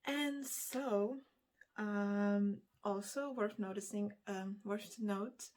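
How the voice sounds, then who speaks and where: A native Lithuanian speaker from Lithuania, this woman vlogs about books, talking casually and unscripted to camera. Her mid-range voice is slow and a little mellow, and she rambles, hesitantly correcting herself along the way.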